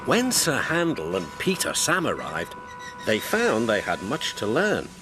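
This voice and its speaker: Very animated male storybook narrator. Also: medium pitch, measured pace. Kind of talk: storybook narration with character voices. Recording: clear music bed behind.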